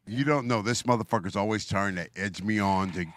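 A man in rowdy podcast banter, loud, profane and combative, a few drinks in and tipsy. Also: on the low side, brisk, no echo. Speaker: guest.

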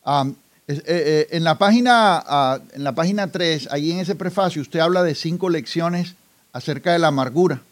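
High-voiced male interviewer. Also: moderate pace. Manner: reads quotes aloud, asks short prompts. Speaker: interviewer host. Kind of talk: interview conversation.

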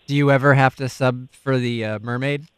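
A man's voice: medium pitch, steady tone, normal speed, smooth. A man co-hosting a casual talk show, chipping in with banter and questions. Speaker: co-host.

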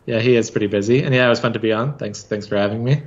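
A man's voice: fairly low pitch, racing, dull audio. A man who is a podcast guest, casually telling a story with lots of filler words. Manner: storytelling, relaxed with many fillers.

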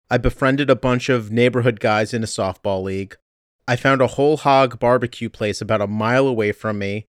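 Tucked under a blanket at home in a heat wave, a man gives a casual podcast update, chatting and poking fun at himself. The blanket makes the audio muffled and dry, with no room sound, and his voice is mid-range and slightly bright.

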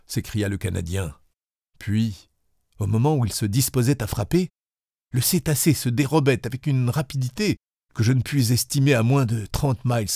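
A man narrating an audiobook in the first person, in a measured, steady way. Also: mid-range voice, creaky, slightly rough, no room sound, studio quality.

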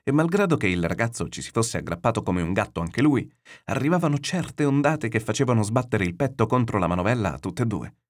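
A man narrating a classic novel aloud in a steady, descriptive storytelling manner. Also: medium pitch, fairly quick. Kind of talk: literary read-aloud narration.

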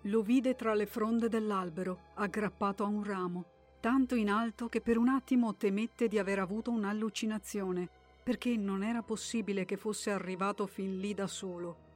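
A woman narrating a short story in a calm, measured way, with dramatic pacing. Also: medium pitch, faint music behind.

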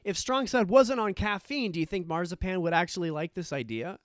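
A man with a high, very animated voice co-hosts a podcast in relaxed chat. He explains things as he goes and thinks aloud with restarts. The recording is dry and close. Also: brisk, no echo. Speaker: podcast co-host. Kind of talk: casual chat.

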